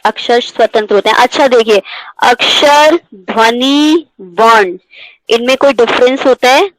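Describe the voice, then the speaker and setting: A woman's voice: a little high, a little slow, no echo, low-quality recording. A woman teaching a Hindi grammar class online, explaining step by step and asking her students questions, slipping English words into her speech.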